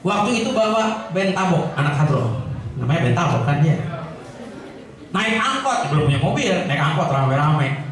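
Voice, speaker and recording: High-voiced storytelling preacher, echoey hall. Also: male voice, normal speed, far from the mic. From Indonesia. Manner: lively storytelling with humor, rhetorical questions. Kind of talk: sermon.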